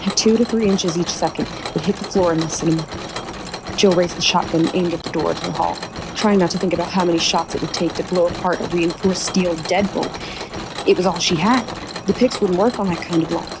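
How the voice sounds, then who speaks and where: A woman's voice: lowish voice, fairly even intonation, brisk, background noise. A woman narrating a horror audiobook with tense, dramatic storytelling. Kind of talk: scripted narration.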